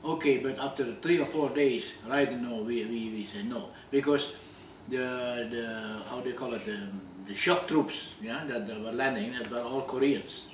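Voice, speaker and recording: An Indonesian man in his eighties recalls wartime memories in a conversational interview, speaking unhurriedly in a mid-range voice and often restarting and repeating words. The recording has a roomy echo, a distant mic and a faint hum.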